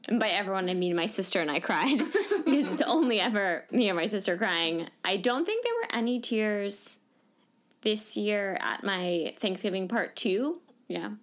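A young woman in casual chat, telling a relaxed story. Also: medium pitch.

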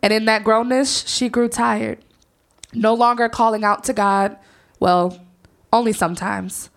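An actress narrating a stage play as a gentle female storyteller, speaking in a measured, wistful way. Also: on the high side, steady tone. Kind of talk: theatrical poetic narration.

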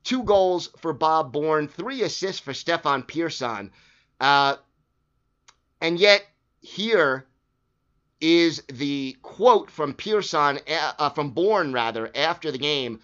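A man with a fairly bright, clean, rather high voice hosts a sports history show, speaking slowly but with lively intonation. He recaps old games conversationally, listing scores and stats with frequent fillers, on a dull lo-fi recording.

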